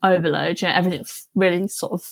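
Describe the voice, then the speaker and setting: A woman film journalist guesting on a podcast, relaxed and chatty, laughing often. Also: on the low side, quick pace, gravelly, no echo. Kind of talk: casual film chat.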